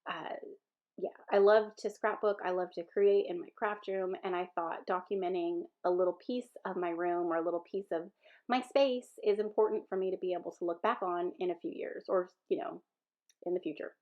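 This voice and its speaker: A woman's voice: fairly low pitch, moderate pace. Stuffy-nosed Southern woman, chatty craft voice-over, rambling, slightly muffled recording. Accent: Southern American. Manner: chatty, rambling with fillers and self-corrections. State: stuffy-nosed from a sinus infection. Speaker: scrapbooking video creator.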